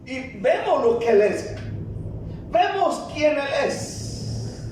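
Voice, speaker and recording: Male pastor, Guatemalan accent, very high voice, slow and emphatic sermon delivery, booming echoey hall, a little off-mic. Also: very animated, recorded from a distance, a little hiss or hum. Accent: Guatemalan Spanish. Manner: emphatic preaching, rising to shouts, slow deliberate phrasing. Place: large church hall. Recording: echoey hall, preacher off-mic, faint ambience.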